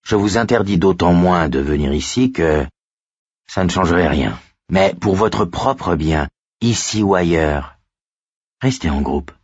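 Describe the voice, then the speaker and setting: Guy reading a gruff old cop, low husky voice, kind underneath. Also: lively intonation, a little slow, no echo, studio quality, heavily acted. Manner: gruff, fatherly.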